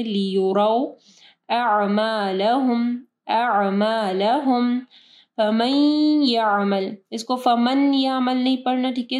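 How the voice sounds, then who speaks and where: A woman teaching Quran recitation rules, explaining each rule patiently and drawing out the words slowly as she recites. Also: on the high side, darkish tone. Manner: patient, repeats words slowly and corrects pronunciation.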